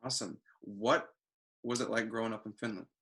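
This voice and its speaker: A man hosting a podcast interview, relaxed, asking questions with short encouraging replies. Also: fairly low pitch, a little fast. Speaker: podcast host. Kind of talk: casual interview chat.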